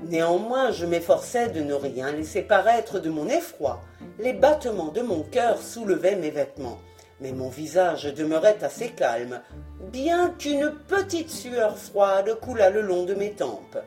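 A woman narrating a novel in an expressive, dramatic audiobook reading. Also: lowish voice, unhurried, soft background music. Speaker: audiobook reader. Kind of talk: scripted narration.

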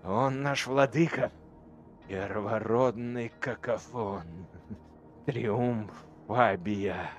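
A man's voice: on the low side, drawn-out words, dull audio. A man musing as a grim chaos warrior. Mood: brooding. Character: grim male chaos warrior brooding over his lord.

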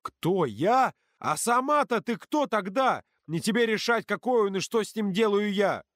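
A man voicing a hot-tempered teenage boy close to hysteria in an audiobook, yelling and pleading in a raised voice. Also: mid-range voice, moderate pace, no room sound, lightly acted. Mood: angry. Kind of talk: audiobook character voice.

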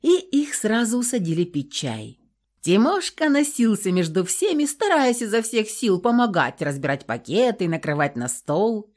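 A woman narrating an audiobook in an even storytelling manner. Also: mid-range voice. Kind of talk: scripted narration.

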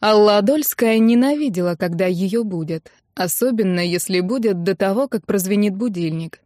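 A woman's voice: mid-range voice, normal speed, dark tone, dry recording, studio quality. Woman narrating an audiobook. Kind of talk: scripted narration.

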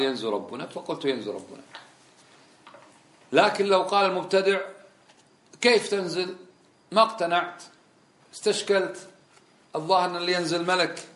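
Sheikh giving a lesson, talks fast, pushes rhetorical questions, roomy echo. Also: male voice, on the high side. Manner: emphatic, rhetorical questions, lively delivery. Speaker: Islamic scholar teaching a lesson. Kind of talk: religious lesson.

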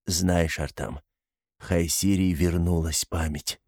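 A gloomy, deferential old tribesman played by a male audiobook narrator. He speaks in a very low, dark voice, subdued and hesitant, with a mournful, bashful manner. The sound is close and dry. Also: fairly even intonation, slow, no room sound, heavily acted. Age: older.

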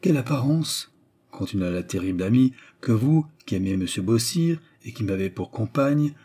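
Here a man of medium pitch reads at a moderate pace, his husky, warm voice full of lively intonation. He voices a scheming, persuasive middle-aged noblewoman adventuress whose feigned sweetness scares her young companion. It sounds menacing and persuasive, pressed home insistently.

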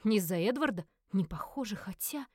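A woman narrating a first-person audiobook in a lively acted reading, briefly giving each character a voice. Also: mid-range voice, brisk, breathy edge, dry recording, clean studio sound.

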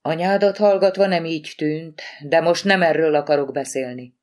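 In an audiobook, a woman with a deep voice close to her everyday one voices a sharp, irritated wife who heads a medical examiner's office. Her delivery is clipped and reproachful.

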